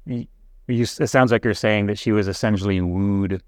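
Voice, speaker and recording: A man co-hosting a podcast in casual conversation, speaking in a measured way with fillers. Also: on the low side, darkish tone, no room sound, studio quality. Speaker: podcast co-host.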